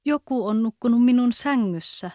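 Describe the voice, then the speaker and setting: Stern papa bear in a storybook, rough voice, Kven accent, dry close sound, voiced by a woman. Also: fairly high pitch, warm tone, no echo, pitched above the performer's own voice, natural voice. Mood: indignant. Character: big father bear, gruff and stern.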